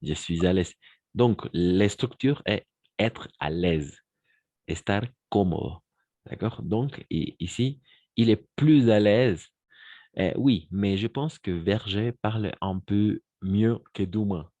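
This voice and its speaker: A man teaching French to Spanish speakers, who repeats phrases slowly and switches into Spanish to explain. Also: fairly low pitch, dark tone, no room sound, dull audio.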